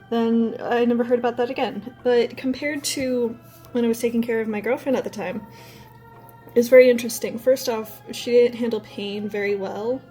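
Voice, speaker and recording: A woman's voice: fairly high pitch, warm tone. A young adult woman vlogging in a casual, candid, rambling way, telling personal stories and swearing now and then. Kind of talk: casual personal storytelling to camera.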